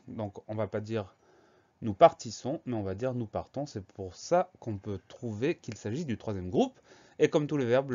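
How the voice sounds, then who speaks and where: Male teacher, lowish voice, patient, spells out words letter by letter for schoolchildren; slightly dull lo-fi sound. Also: darkish tone. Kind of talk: spelling lesson for children.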